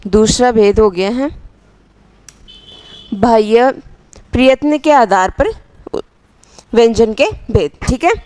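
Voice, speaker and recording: With a fairly high, slightly mellow voice, a woman teaches grammar, putting questions to the class and answering them herself. She repeats phrases slowly for dictation, and the recording is dry.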